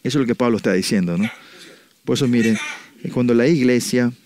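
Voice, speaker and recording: A pastor preaching to his church in a voice of ordinary middle pitch for a man. He speaks in halting bursts, breaking off and restarting his sentences, and he tags nearly every thought with a questioning "no?" to check in with his listeners. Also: a little mellow. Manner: ends phrases with a questioning "no?" tag, halting restarts. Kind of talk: sermon.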